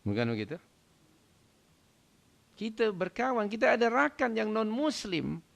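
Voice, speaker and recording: A man, a religious teacher, giving a lecture to a congregation, asking rhetorical questions and swelling to loud emphatic points, with English words mixed in. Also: high voice, very animated, measured pace, gravelly.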